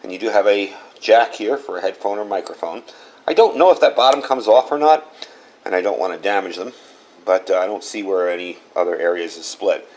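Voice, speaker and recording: A deep, slightly mellow male voice comes through at a somewhat fast pace. This channel host reviews a product in a casual, hands-on way, speaking folksy and plain and repeating himself for emphasis.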